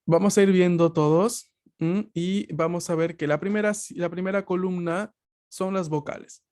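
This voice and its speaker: A male language teacher giving a patient, explanatory online class over a video call, often pausing to check that students follow. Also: high voice, fairly even intonation, a little mellow.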